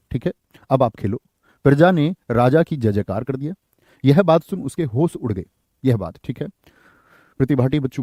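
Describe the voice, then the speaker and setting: A man teaching grammar in a live online class, often asking the class questions and slowly repeating corrected sentences. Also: mid-range voice, mellow, no echo, clean studio sound. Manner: keeps asking the class questions and checking with "theek hai".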